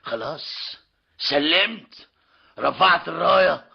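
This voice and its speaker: A man's voice: fairly high pitch, animated, slow, gravelly, breathy edge, exaggerated voice. An actor playing a stubborn, scheming older tradesman and father in an old radio comedy drama, mocking and theatrical, with an Egyptian Arabic accent. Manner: mocking, theatrical, keeps repeating a polite tag. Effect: old lo-fi radio drama recording. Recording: dull lo-fi old radio recording.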